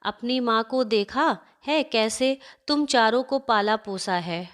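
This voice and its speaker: A woman's voice: a little high, slow, fairly bright tone. A woman doing a tearful reproachful mother-in-law. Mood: bitter. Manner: wailing, reproachful.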